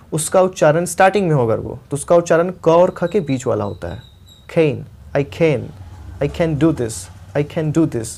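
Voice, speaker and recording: A young man explaining English pronunciation in a lesson, repeating words slowly and checking in often with his viewers. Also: a little high, darkish tone. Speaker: English teacher.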